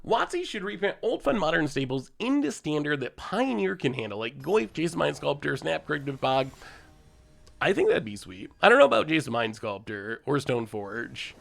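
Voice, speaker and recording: With a fairly bright, somewhat high voice touched by vocal fry, this man chats casually during a live-streamed card game. He sounds a little congested from a cold, laughs a lot as he plays, and thanks his chat's subscribers.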